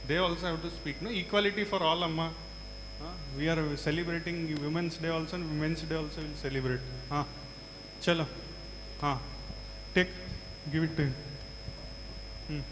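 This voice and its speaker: In an interactive lecture to a large group, a man with a South Indian accent speaks at a moderate pace in a slightly high voice with fairly even intonation, pausing often. He repeats students' answers and prompts them with short questions. The large hall gives the recording an echoey, reverberant sound and a faint hum.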